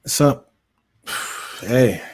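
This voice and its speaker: A man's voice: mid-range voice, lively intonation, very slow, slightly rough. Chill guy hosting a live stream, slangy, repeats himself a lot. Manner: laid-back, slang, repeats words. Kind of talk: casual live-stream chat.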